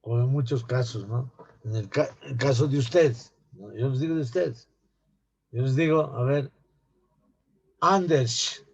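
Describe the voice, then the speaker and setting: A man's voice: mid-range voice, moderate pace, gravelly, warm tone, husky. A man giving an anatomy lecture to students, often asking rhetorical questions and calling them "young people.". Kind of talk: classroom lecture. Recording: dull lo-fi classroom recording.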